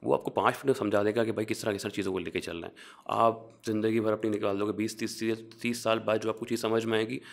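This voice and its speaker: A young man from Pakistan, a chartered accountant, talking in a relaxed interview and explaining things, often rephrasing as he goes. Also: lowish voice, fast, creaky. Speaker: guest, qualified chartered accountant. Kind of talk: casual interview, mixing English phrases.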